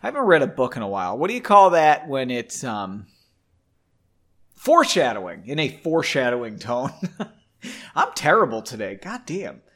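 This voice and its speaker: A man's voice: medium pitch, wildly swooping pitch, normal speed, a bit bright. A young man who hosts a podcast, reading a novel aloud and breaking off to comment in a loose, joking, self-deprecating way, with casual swearing.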